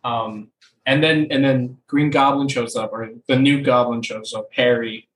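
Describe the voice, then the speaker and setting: A man's voice: medium pitch, steady tone, measured pace, a bit bright. Young male co-host, casual and opinionated, rambles with many fillers, recorded in a roomy space with faint background noise. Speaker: podcast co-host. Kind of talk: casual chat.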